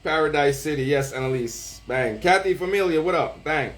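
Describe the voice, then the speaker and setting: A man hosting a casual livestream, greeting viewers by name with slang shout-outs and laughing often. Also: on the high side. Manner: laughs often, drawn-out words. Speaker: livestream host.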